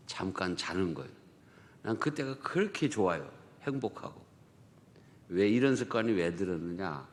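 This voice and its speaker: Low-voiced pastor preaching in a reverberant hall. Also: male voice. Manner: folksy storytelling, drawn-out phrases. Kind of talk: sermon. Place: church sanctuary. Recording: long reverb in a church hall, faint noise.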